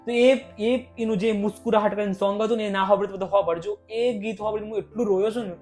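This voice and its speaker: Young male guest, rapid-fire and emotional, faint music under the voice. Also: high-pitched. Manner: emotional, animated, talks in rushed bursts. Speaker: podcast guest, vlogger. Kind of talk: casual podcast conversation.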